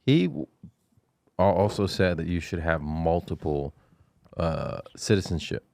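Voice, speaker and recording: Low-voiced drawling man, dry mic. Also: unhurried, gravelly, darkish tone, dry recording. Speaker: podcast co-host. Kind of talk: casual comedic chat.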